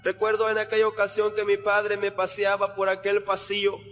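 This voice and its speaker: Young man, high and flat delivery, earnest testimony, echoing hall with faint music behind. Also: moderate pace. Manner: earnest, retelling with repeated phrases. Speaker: person giving a testimony. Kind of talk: spoken religious testimony.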